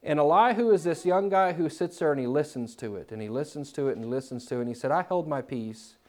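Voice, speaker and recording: Impassioned male preacher, rising and falling. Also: quick pace. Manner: swings from loud, climbing emphasis to low, quiet asides. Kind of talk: sermon. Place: church.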